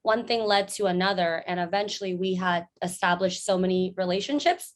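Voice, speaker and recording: A woman's voice: on the low side, brisk. A woman from San Francisco, a founder, guesting on a podcast, friendly and chatty as she tells her story. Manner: friendly, laughs often, storytelling. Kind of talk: casual interview chat.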